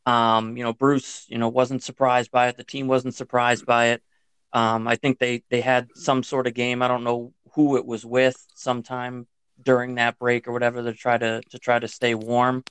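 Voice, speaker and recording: A man's voice: mid-range voice, flat delivery, normal speed, fairly bright tone, clear, resonant tone, dry recording. A man co-hosting a casual sports podcast in a conversational way. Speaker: podcast co-host.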